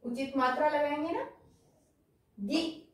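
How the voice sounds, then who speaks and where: A woman teacher speaks to young pupils in a high, patient voice. She goes very slowly and stretches out each word she reads. Her voice sounds far from the mic, with strong echo around it. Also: expressive. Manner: slow, drawn-out word-by-word reading. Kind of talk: children's lesson. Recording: echoey room, voice from far off.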